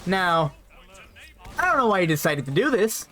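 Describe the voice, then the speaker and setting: A man's voice: high voice, very animated, normal speed, sharp tone. A young man casually telling a personal story, rambling, repeating words and adding "right?" asides.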